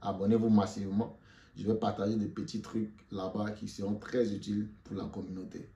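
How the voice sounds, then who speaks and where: A man's voice: fairly low pitch, flat delivery, a little fast, dark tone, roomy sound, muffled recording. A man giving an online Mandarin lesson in French, patiently repeating each word for learners to say after him. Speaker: Mandarin teacher.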